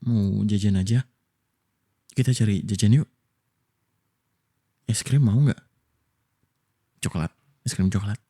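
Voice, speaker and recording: A man from Indonesia doing a whispered boyfriend role-play, soft and coaxing as he soothes his partner. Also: fairly low pitch, slow pace, pauses often. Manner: soft, coaxing, affectionate toward listener.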